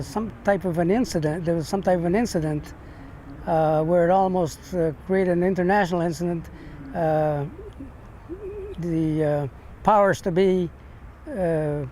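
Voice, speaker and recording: An older American man, a veteran, remembering his service in an interview, speaking haltingly with long hesitations and repeated words. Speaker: navy ship veteran being interviewed. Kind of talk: reminiscing in an interview. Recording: noisy, with steady background rumble.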